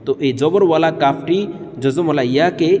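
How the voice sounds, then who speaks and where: A man's voice: on the high side, steady tone, fairly quick, a little mellow, long reverb tail, highs cut off. A man teaching Quran recitation, who spells out Arabic letters syllable by syllable and then chants the verse melodically.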